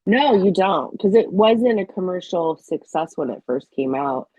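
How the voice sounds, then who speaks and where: A woman's voice: on the low side, animated, measured pace, a little mellow, breathy edge, dry recording, low-quality recording. A woman in her thirties chatting as an interview guest, telling stories in a loose, talkative way with plenty of filler words. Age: 30s. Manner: chatty, storytelling, many "like" fillers. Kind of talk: casual interview chat.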